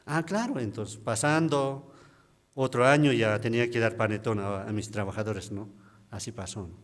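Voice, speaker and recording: A man, a deacon giving a personal testimony at a prayer service in a chatty storytelling way, often tagging his sentences with a questioning "no?". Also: moderate pace. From Bolivia. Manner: conversational storytelling, frequent tag questions, pitch jumps when quoting others.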